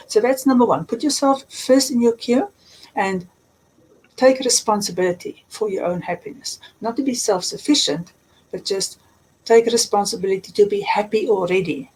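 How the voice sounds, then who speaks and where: A transformational coach with a South African accent answers interview questions, explaining and giving earnest advice while repeating words. Her mid-range voice is slightly mellow, but the audio is poor, with a bit of hiss or hum.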